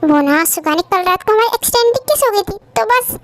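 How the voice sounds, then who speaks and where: A woman voicing a chatty young female friend who teases and gossips quickly, in an amateur fan dub. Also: very high-pitched, expressive, pitched above the performer's own voice. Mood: gossipy.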